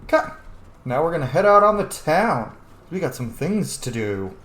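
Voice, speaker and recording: Here the roleplay series host plays a roleplaying game, chatting informally and voicing his character's dialogue. He speaks at a normal pace in a high-leaning, sing-song voice with a fairly bright tone, and the recording sounds roomy.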